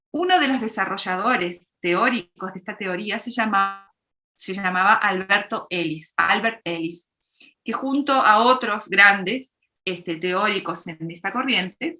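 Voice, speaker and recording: Woman psychologist giving a talk, bright clear voice, teacher-ish with lots of examples. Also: fairly high pitch. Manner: didactic, uses worked examples. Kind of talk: explanatory lecture.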